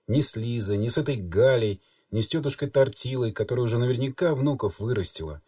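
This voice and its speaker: A man reading an audiobook in measured, even storytelling narration. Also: mid-range voice, no echo, studio quality, distant mic. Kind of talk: scripted narration.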